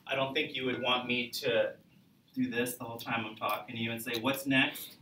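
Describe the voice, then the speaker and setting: Bright-voiced male lecturer in an echoey classroom. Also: mid-range voice, flat delivery, fairly quick, distant mic, slight background noise. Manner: conversational, demonstrative, asks the class questions. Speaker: college speech instructor. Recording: echoey classroom recorded from afar.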